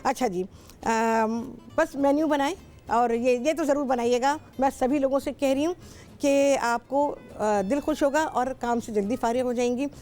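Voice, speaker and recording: High-voiced chatty Pakistani cooking host. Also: female voice, moderate pace, darkish tone, soft background music. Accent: Pakistani Urdu. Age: middle-aged. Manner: talkative, instructive, repeats herself often. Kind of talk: chatty cooking show talk with callers. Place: television studio.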